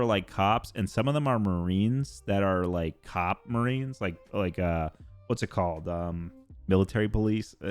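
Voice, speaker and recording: A young man chats casually on stream in a lowish voice, wandering from point to point with fillers and the odd curse. The mic is close and dry, with faint music underneath. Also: darkish tone, no room sound. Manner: rambling, swears casually, many fillers. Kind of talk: casual chat.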